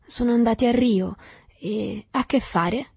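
A woman's voice: mid-range voice, animated, moderate pace, darkish tone, husky, no echo. A woman voicing an anxious, eager thirteen-year-old boy who asks questions in a raised, keen voice.

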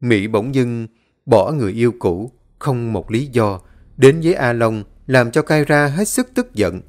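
A man reading a dramatic story aloud as a storyteller, in a measured, dramatic manner. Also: medium pitch, animated, darkish tone. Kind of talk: scripted story narration.

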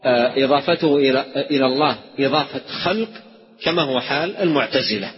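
A man's voice: medium pitch, brisk. A man teaching a creed text as a religious scholar, who explains by repeating key phrases and asking questions, then answering them. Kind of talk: classroom lecture on theology. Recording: dull recording in a hall with long reverb.

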